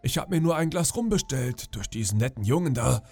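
A man's voice: mid-range voice, expressive, brisk, a little mellow, faint music behind. A man voicing a sly old pirate who speaks in a falsely friendly, ingratiating way. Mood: wheedling. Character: sly old one-eyed male pirate, wheedling.

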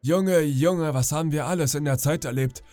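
A man's voice: fairly high pitch, normal speed, darkish tone, no echo, voice pushed up, natural voice. A man voicing a sly old pirate who speaks in a falsely friendly, ingratiating way. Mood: wheedling. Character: sly old one-eyed male pirate, wheedling.

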